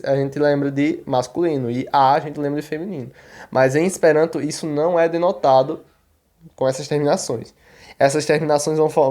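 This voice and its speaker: A teacher with a northeastern Brazilian accent talks through a lesson in an easygoing way. Each point is laid out patiently, one step at a time, with little check-in questions along the way. The voice sits at a middling pitch. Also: darkish tone. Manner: patient, explains step by step with frequent tag questions. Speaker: Esperanto course teacher. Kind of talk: casual explanatory lesson.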